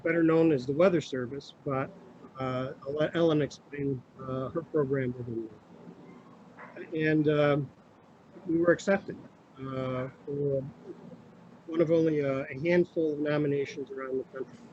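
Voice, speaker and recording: Give me a middle-aged man on a crackly phone line that fades in and out, halting, with a slightly high voice. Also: fairly even intonation, a little mellow. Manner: halting, with many filler sounds. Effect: crackly remote phone line, fading in and out. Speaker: county administrator. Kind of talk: formal presentation to a committee.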